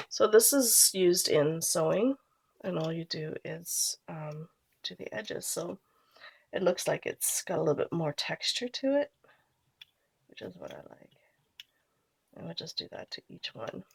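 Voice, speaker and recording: A gravelly, lowish voice belongs to a thirty-something scrapbooking vlogger whose cold leaves her nasal. She's relaxed and chatty during a craft tutorial, drifting off as she concentrates on her work. A little hiss or hum runs under the audio.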